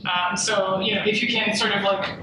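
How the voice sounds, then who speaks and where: A woman's voice: mid-range voice, steady tone, normal speed. A woman from Serbia on a panel, casually and self-deprecatingly sharing her own experience. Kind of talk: panel talk, personal experience. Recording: echoey room, distant mic, noisy.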